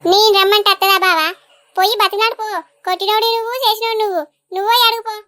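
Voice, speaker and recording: A woman voicing an outspoken village woman with a Telangana Telugu accent, scolding and bossing in an animated comedy. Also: extremely high pitch, quick pace, no room sound, studio quality. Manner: scolding, bossy.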